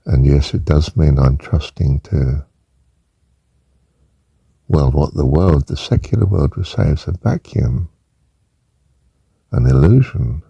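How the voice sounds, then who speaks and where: Very deep gravelly older man. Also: takes it slowly, pauses often, no echo. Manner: gentle, rambling, with many asides and fillers. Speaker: personal reflection speaker. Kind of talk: reflective spoken monologue. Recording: muffled lo-fi recording.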